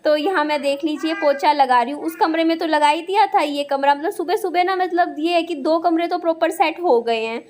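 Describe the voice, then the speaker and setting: A woman's voice: very high-pitched, a little fast, hardly any pauses, darkish tone. A young woman narrating her day in a chatty, rambling vlog, full of fillers. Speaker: vlogger.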